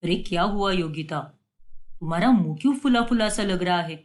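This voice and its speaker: A woman voicing a calm, gentle middle-aged father who soothes the family in an animated story. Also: lowish voice, fairly quick, pitched below the performer's own voice, lightly acted. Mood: soothing. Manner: soothing, mild.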